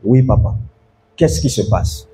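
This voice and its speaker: A man's voice: mid-range voice, animated, unhurried, mellow, breathy edge. A pastor preaching an evening sermon, telling a story and calling out to his congregation to follow him.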